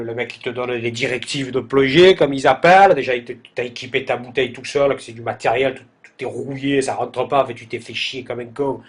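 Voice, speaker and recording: A man with a Marseille accent tells a humorous anecdote, stammering over repeated words and using coarse slang in a mocking, exasperated tone. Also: medium pitch. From southern France. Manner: stammering word repetitions, coarse slang, addresses listener as tu. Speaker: comic storyteller.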